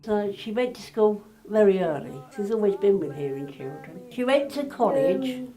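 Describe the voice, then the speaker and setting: Plain-spoken mellow woman. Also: mid-range voice, animated, moderate pace, soft background music. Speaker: parent interviewee. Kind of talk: interview.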